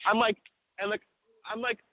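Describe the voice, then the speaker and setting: A young man with a fairly high voice tells a story down a tinny prison phone line. He swears freely, restarts his sentences and acts out the voices he quotes. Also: flat delivery, moderate pace. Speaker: caller telling a story. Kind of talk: casual storytelling on a phone call.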